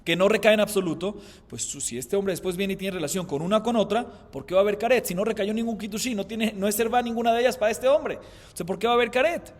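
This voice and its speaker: A man, a rabbi, teaching a Talmud class, explaining by asking and answering his own questions and chanting Aramaic quotations slowly. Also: sits high, big-room sound. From Colombia.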